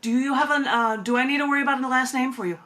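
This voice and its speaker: Over a video call microphone, a woman hosts a virtual poetry open mic, rambling chattily and thanking people effusively. Her voice is high and a bit bright, and she talks at a racing clip.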